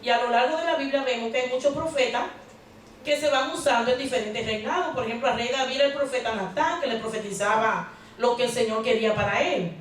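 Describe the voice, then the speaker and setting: Woman preacher, high voice, chatty sermon style with questions to the congregation; heard from a distance in a very echoey church hall. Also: fast talker, a little hiss or hum. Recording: very echoey hall, mic far off.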